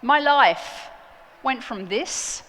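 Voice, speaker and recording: Woman speaker at a conference, earnest, measured delivery, slow and deliberate. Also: high voice, lively intonation, a bit bright. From outside the United States. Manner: earnest, emphatic with deliberate pauses. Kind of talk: prepared conference talk. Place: large conference hall. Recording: long hall reverb.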